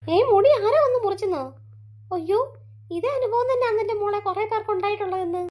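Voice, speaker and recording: A woman voicing a busy mother who runs a beauty parlour, talking in a brisk, chatty way. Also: extremely high pitch, darkish tone.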